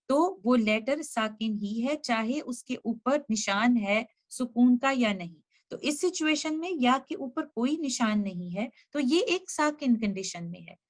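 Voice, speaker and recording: A woman with a fairly high voice teaches the rules of Quran recitation at an unhurried pace. She explains each rule step by step and draws out every example word slowly, repeating it so it can be heard clearly. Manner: slow, drawn-out demonstrations of example words, repeating them. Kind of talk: slide-based tutorial explaining pronunciation rules.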